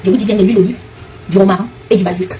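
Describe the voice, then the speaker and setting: Heated woman commentator, rapid delivery, slightly distant mic. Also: medium pitch, steady tone, dark tone, faint music behind. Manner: fast, confrontational, addresses a rival directly. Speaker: online commentator. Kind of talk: heated direct-to-camera rant.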